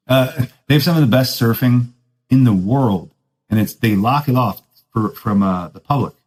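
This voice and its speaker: A man's voice: medium pitch, moderate pace, a little mellow, poor audio. A man hosting a podcast, telling a rambling story in casual surfer talk, self-mocking and laughing often. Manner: laid-back surfer talk, keeps saying "dude". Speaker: podcast host.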